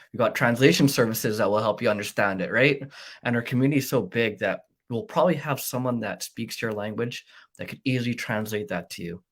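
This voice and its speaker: A man hosting a live online business panel, upbeat and reassuring, with a salesy pitch. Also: fairly bright tone. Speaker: panel host. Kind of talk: casual live panel talk.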